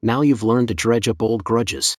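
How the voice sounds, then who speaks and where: A man's voice: medium pitch, normal speed, dry recording, studio quality, close to an everyday voice. A man voicing a scheming, spiteful orchard owner. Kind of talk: dubbed drama dialogue.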